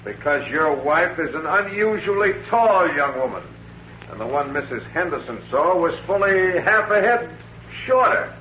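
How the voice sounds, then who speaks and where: A man's voice: on the high side, very animated, normal speed, sharp tone. A man playing a shrewd American police captain in a 1940s radio thriller, folksy in manner but insinuating and pressing. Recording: roomy, dull vintage radio recording, faint noise.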